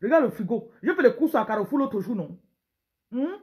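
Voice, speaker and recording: A woman acting out a stingy, controlling husband who nags quickly and reproachfully about household spending. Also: on the high side, sing-song, mellow, pitched above the performer's own voice. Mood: nagging.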